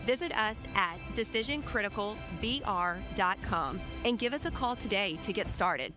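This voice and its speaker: A woman reads a radio spot about her own business. Her voice sits in a middle range, and her delivery is steady and reassuring. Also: mid-range voice, normal speed, over music. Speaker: business owner in an ad. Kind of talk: read radio advertisement.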